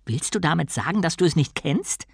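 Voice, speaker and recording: A woman's voice: low-pitched, lively intonation, a little fast, vocal fry, breathy edge, dry recording, studio quality, exaggerated voice. A woman doing an earnest, naive young novice. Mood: puzzled. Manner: earnest, shocked and stammering. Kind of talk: audiobook character voice.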